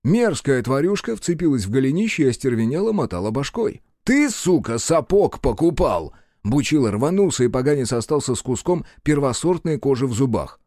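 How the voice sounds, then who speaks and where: A man reading scripted narration for an audiobook in a lively, expressive way. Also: mid-range voice, brisk, hardly any pauses, no echo, clean studio sound.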